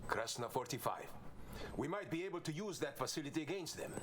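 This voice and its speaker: An actor voicing a scornful Soviet general with a put-on Russian accent. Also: male voice, a little high, lively intonation, a little fast, noisy background, lightly acted. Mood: commanding. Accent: put-on Russian accent with English slipping through. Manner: blunt, scornful briefing. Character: stern male Soviet general, gruff and scolding.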